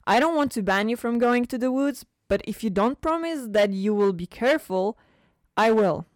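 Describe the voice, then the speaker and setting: A woman voicing a fierce, blunt mother who scolds in sharp outbursts. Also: a little high, expressive, normal speed, no echo, voice pushed up, lightly acted. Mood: protective. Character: fierce protective mother, foul-mouthed and blunt.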